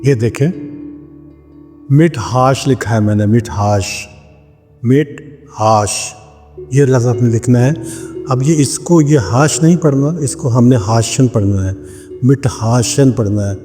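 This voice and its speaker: A man from Pakistan with a mellow, relaxed voice guides listeners through a ritual in an unhurried teaching tone. He repeats each word several times so it can be written down. His voice carries a long reverb, and soft music plays faintly underneath. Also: medium pitch. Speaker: spiritual practitioner teaching a ritual. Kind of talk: instructional talk.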